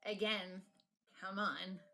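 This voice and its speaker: A woman chatting casually on a live stream in a playful, excitable, giggly way. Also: mid-range voice, slow, rough recording.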